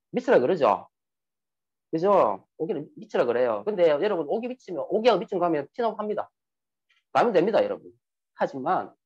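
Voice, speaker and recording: Lively man giving a motivational talk. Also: fairly high pitch. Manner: lively, asks the audience questions. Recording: muffled lo-fi recording.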